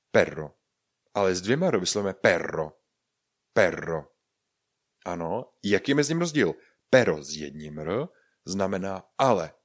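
Low-pitched male podcast teacher, Czech native, patient, repeats and spells words, light humor. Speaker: Spanish language teacher. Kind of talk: podcast pronunciation lesson.

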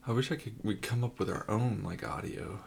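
A man's voice: on the low side, expressive, a little fast, vocal fry, heavy background noise. A man co-hosting a casual home podcast, joking and laughing while he sneezes and coughs with a runny nose. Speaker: podcast co-host.

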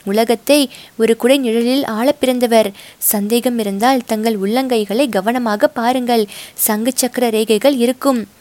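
A woman voicing a fierce, loyal boatman's wife who shouts in shrill, impassioned bursts. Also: steady tone, a little slow, no echo, close to an everyday voice. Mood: frantic. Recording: dry close recording.

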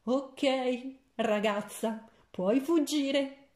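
Woman doing a humble huntsman, slow and mellow, echoey room. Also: high voice. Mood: deferential. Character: deferential huntsman, young man.

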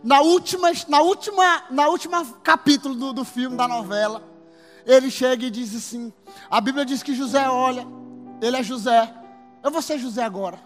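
Man, pastor, emphatic sermon, rising to shouts, echoing church hall. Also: extremely high pitch, moderate pace. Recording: long hall reverb with faint music.

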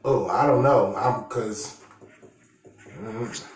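A man's voice: on the low side, very slow. A man hosting a podcast interview in a casual, slangy way, and his voice sounds very echoey, as if in a big hall. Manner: laid-back, slangy, repeats himself. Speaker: podcast host. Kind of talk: casual interview over a call. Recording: echoey room with faint music.

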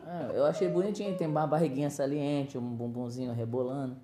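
Fast-talking teasing Brazilian man. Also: mid-range voice, steady tone, warm tone. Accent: Brazilian Portuguese. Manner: teasing, jokey. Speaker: podcast co-host. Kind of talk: casual podcast chat. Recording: roomy echo, faint noise.

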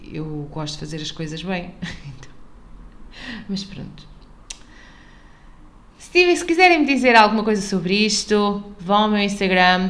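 A young adult woman with a European Portuguese accent, hosting a casual solo podcast in a chatty, digressive way. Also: fairly low pitch. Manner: chatty and digressive, with frequent restarts. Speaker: podcast host.

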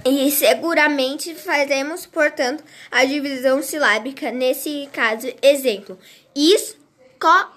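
A woman reading a grammar lesson aloud in a slow, halting way, restarting words as she goes. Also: high-pitched, a bit bright. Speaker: teacher.

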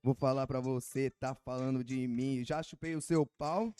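A man's voice: medium pitch, steady tone, moderate pace, mellow, clear, resonant tone, no room sound. A young man with a Brazilian accent, co-hosting a podcast and freestyling crude, teasing rhymes with friends. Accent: Brazilian Portuguese. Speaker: podcast co-host. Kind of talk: joking freestyle rap among friends.

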